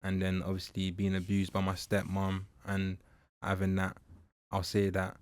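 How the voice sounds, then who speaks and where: A young man born in Nigeria, a mentor and public speaker, telling his story in an interview in a halting, reflective way with many fillers. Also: deep voice, monotone, clear, resonant tone, dry recording. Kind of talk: candid personal interview.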